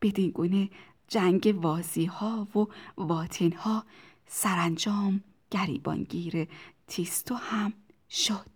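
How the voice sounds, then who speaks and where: A woman narrating a children's book in a calm and steady way. She reads at an even pace with a medium-pitched voice, telling the story plainly. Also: husky. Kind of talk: audiobook narration.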